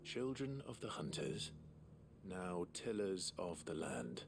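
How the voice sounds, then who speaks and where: An actor playing a calm, steady young male warrior in a video game, speaking in a measured, thoughtful way. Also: sits low, full character voice. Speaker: game protagonist. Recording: game audio with background noise.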